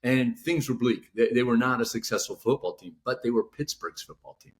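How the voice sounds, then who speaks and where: A man from California, an author being interviewed in casual podcast talk, speaking haltingly with lots of "you know" fillers and restarts. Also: mid-range voice. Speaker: author guest.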